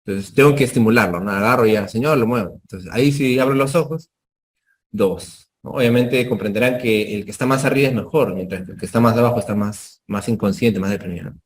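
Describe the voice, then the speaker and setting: Speaking on the low side and a little fast, this man teaches a medical lesson one step at a time, tacking tag questions onto his phrases and role-playing short conversations with patients.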